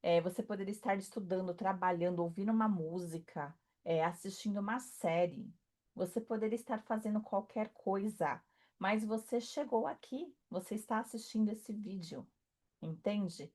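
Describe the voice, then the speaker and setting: A woman speaking as a spiritual coach, talking softly and reassuringly to the listener, with many fillers and tag questions. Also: mid-range voice, normal speed. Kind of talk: intimate motivational talk to camera.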